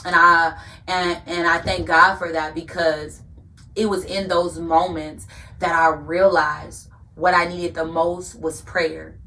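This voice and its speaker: A woman's voice: on the low side, level tone, slow, bright, forceful tone, far from the mic. A woman hosting a podcast, giving an earnest faith-based motivational talk and repeating phrases for emphasis like a preacher. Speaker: podcast host.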